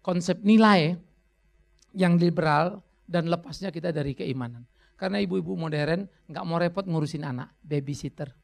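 A man preaching a sermon as a pastor, animated and playful, acting out voices and dropping in English phrases. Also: a little high, normal speed, creaky. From Indonesia.

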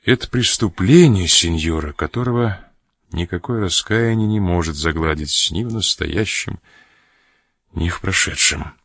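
A man voicing a proud, wounded male buccaneer who speaks with stern, measured reproach in an audiobook. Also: low voice, a bit bright, dry recording, studio quality, heavily acted.

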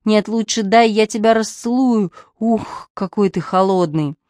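A woman voicing a flustered male police inspector who sighs and frets, low and slow. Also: steady tone, no room sound, clean studio sound. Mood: overjoyed. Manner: fussy, overwhelmed, sighing.

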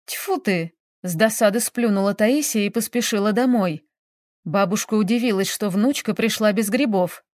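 A woman narrating a story in an audiobook style, reading in a calm, even way. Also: medium pitch, moderate pace, dry recording, clean studio sound.

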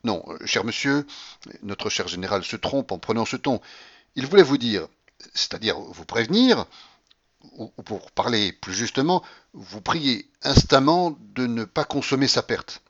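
Haughty, contemptuous gentleman, voiced by a male reader; emphatic, muffled recording. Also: mid-range voice, animated, a little slow. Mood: scornful. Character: scornful, haughty Frenchman.

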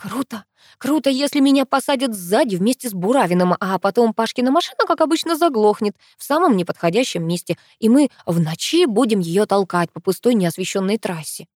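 A woman voicing a sharp-tongued, jealous young woman who talks sarcastically. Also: mid-range voice, animated, fairly quick, dry recording, studio quality, close to an everyday voice. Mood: sarcastic. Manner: sarcastic, indignant.

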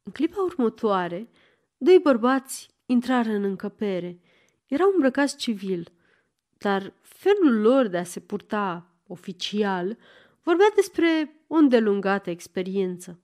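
A woman giving measured scripted narration as an audiobook reader. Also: mid-range voice, very animated, a little mellow.

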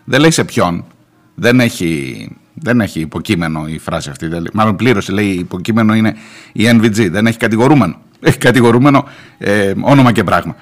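A middle-aged man hosting a radio show, giving sarcastic, mocking news commentary and reading documents aloud in halting English. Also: on the low side, lively intonation. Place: radio studio.

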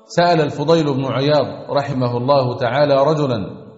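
A man's voice: mid-range voice, fairly quick, a little mellow. A man preaching a sermon, exhorting his listeners with earnest, rhythmic repetition. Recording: echoey long reverb, dull sound, faint music.

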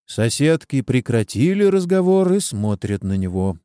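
A man narrating a sad storybook in an expressive, sorrowful way. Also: medium pitch, normal speed, clear, resonant tone, dry recording. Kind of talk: storybook reading.

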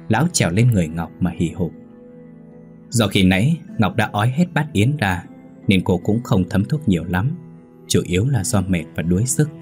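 Man, low voice, reading a horror story, steady, faint music behind. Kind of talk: scripted horror story narration.

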